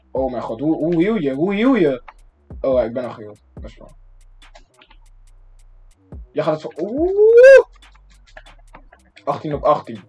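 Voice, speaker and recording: A young man from the Netherlands giving excitable, slang-filled gameplay commentary, breaking into sudden yelps and shouts. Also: medium pitch. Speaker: gaming streamer.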